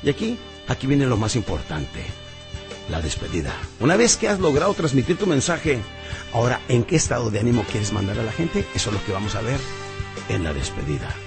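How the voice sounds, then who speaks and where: A man giving a motivational lesson on public speaking, talking straight to the listener and swinging from loud bursts to hushed asides. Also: mid-range voice, big pitch swings, fairly quick, music in the background. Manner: addresses the listener directly as champion.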